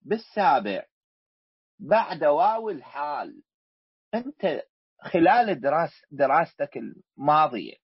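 Iraqi male teacher, husky and animated, drills students with repeated questions on dry lo-fi audio. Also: on the high side, a little slow, pauses often, no echo. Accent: Iraqi Arabic. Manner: questioning, repeats key words to the class. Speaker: grammar teacher. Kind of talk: classroom grammar lesson. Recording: dull lo-fi recording.

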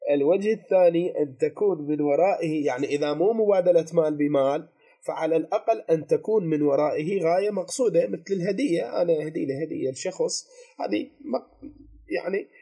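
Husky, very dark-voiced Iraqi man teaching. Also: a little high. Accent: Iraqi Arabic. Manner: explanatory, poses rhetorical questions and repeats key phrases; reads quoted text slowly and deliberately. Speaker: religious law teacher. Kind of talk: seminary lesson explaining a legal text.

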